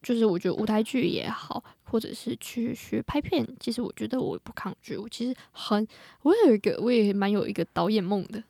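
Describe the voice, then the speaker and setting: A young adult woman with a Taiwanese Mandarin accent, chatting casually and telling things in an animated, colloquial way. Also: medium pitch, fairly quick, gravelly, few pauses, no room sound. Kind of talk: casual chat.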